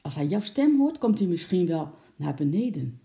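A man's voice: sits high, big pitch swings, moderate pace, vocal fry, mellow, heavily acted. A man voicing a wry, amused uncle in a storybook reading, often muttering his lines. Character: amused middle-aged uncle.

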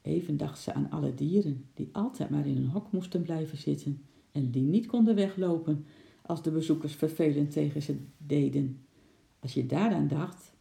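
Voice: medium pitch, creaky, mellow. Krakerige, donkere voorlezer. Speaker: narrator. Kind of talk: children's storybook reading. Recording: roomy echo.

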